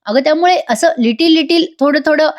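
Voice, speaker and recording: A playful young husband teases and coaxes his wife in a TV serial recap, as a woman reads his part. The voice sits a little high, with a light joking lilt. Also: a little fast, natural voice. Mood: teasing. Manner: joking, coaxing.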